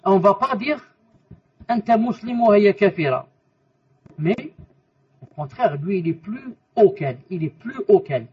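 Man, religious teacher: husky, high voice, mixes Arabic terms into the lesson, muffled recording from a distance. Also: very animated, normal speed. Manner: explains by asking questions and repeating answers.

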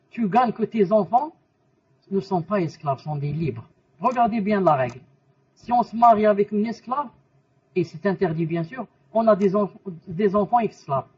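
Heard muffled from a distance, a high-pitched man with a breathy edge leads a religious lesson. He explains through questions whose answers he repeats, sprinkling in Arabic terms and quotes.

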